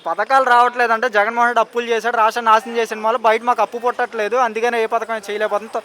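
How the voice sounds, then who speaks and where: A man's voice: very high-pitched, flat delivery, very fast, pushed and bright, a little hiss or hum. A man, a street reporter prodding his interviewee with claims to answer, holding a handheld mic. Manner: prodding, puts claims to the interviewee, calls him brother.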